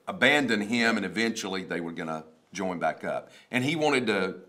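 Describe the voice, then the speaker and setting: Seated at a table in a studio lined with wood paneling, a man in his sixties who is a pastor talks loosely about a sermon, telling stories that wander and frequently restart. He speaks low and expressively at a moderate pace, with a bright, forceful tone.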